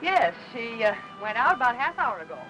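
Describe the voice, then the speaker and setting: Casting: a courteous neighbor, slightly high voice, hesitant, 1950s film. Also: female voice, big pitch swings, a little fast, sharp tone, soft background music, low-quality recording. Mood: polite helpful. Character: helpful, polite new neighbor woman.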